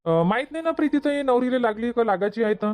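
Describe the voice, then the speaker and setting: A voice actor doing a quick-talking young village man. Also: mid-range voice, expressive, a little mellow, a little hiss or hum, natural voice. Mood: defensive. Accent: Varhadi Marathi. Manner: offhand, excuse-making. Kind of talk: cartoon comedy voice acting.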